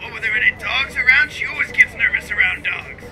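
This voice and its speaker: A man's voice comes through a phone on speakerphone, pitched very high for a man. He jokes and teases in a dry, deadpan way while loud music plays behind him. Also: fairly quick. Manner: joking, teasing deadpan. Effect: heard over a phone speakerphone. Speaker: boyfriend on the phone. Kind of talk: casual phone banter.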